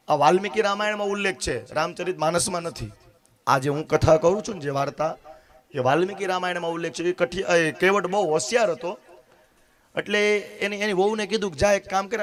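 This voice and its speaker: A man preaching a devotional story sermon, acting out the dialogue and speaking straight to his listeners. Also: high voice. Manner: dramatic, acts out dialogue, addresses listeners directly. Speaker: katha storyteller.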